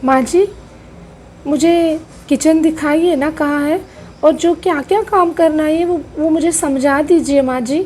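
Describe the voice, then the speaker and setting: A woman's voice: high-pitched, a little mellow, slight background noise. A woman voicing a proud, blunt young housemaid who talks back in a doll-play soap drama. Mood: sassy. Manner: blunt, quick retorts.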